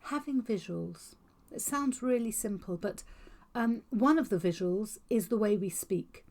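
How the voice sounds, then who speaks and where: An educator on auditory processing gives an informal explanatory talk straight to a video camera. She talks fast in a mid-range, expressive, darkish voice, gesturing a lot and exaggerating her mouth movements.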